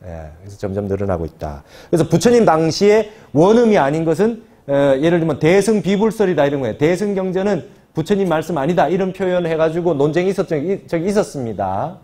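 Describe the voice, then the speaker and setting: A man's voice: on the high side, very animated, fast talker, few pauses, warm tone. A male Buddhist monk teaching a scripture class, explaining patiently and often asking his students for agreement. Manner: explanatory, repeats key phrases and asks the class for agreement.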